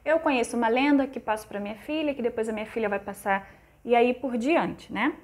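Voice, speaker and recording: Patient Brazilian woman teacher, higher voice. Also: brisk. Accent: Brazilian Portuguese. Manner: patient, explanatory, frequent "tá?" checks; reads textbook aloud and walks through exercises. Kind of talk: recorded class lesson.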